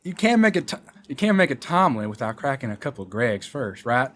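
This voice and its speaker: A man's voice: mid-range voice, big pitch swings, fairly quick, a bit bright. A man co-casting a video game match, joking and teasing in loose banter. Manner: joking, playful, mock ad-read voice at times. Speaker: esports co-caster. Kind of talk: casual esports casting banter.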